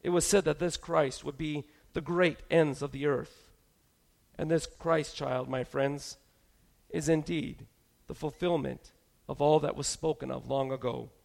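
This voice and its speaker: A man's voice: fairly high pitch, fairly even intonation, unhurried, creaky, a little mellow. A man preaching a sermon in an earnest, dramatic manner. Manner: earnest, dramatic, building intensity.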